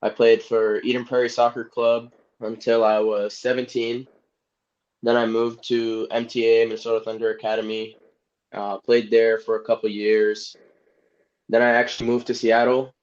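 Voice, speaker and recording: A man's voice: mid-range voice, monotone, normal speed, darkish tone. A young man from Egypt, a soccer player guest, talking easily and laughing often in a casual podcast interview. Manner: easygoing, laughs often, rambling. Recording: dull lo-fi audio.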